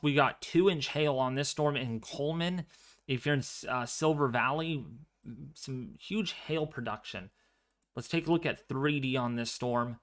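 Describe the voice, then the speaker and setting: Soft-spoken, clear-voiced man on a weather livestream. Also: mid-range voice. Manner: calm, fairly monotone delivery. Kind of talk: live severe weather commentary, chatting with viewers.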